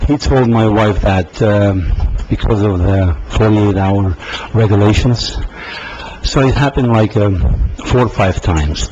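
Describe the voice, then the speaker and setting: A man from the Soviet Union, a resident making a halting, earnest public comment at a town council meeting, with many fillers and restarts. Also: lowish voice, darkish tone. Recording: dull lo-fi meeting recording with faint hiss.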